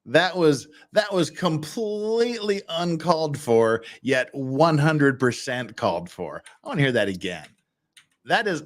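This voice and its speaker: A man giving casual live commentary as a host reviewing a trial. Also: medium pitch.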